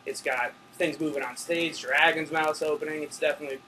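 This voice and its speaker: A crew member chatting enthusiastically backstage, agreeing and adding comments. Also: male voice, fairly high pitch, steady tone, fairly quick, pushed and bright, a little hiss or hum, rough recording. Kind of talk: casual backstage chat.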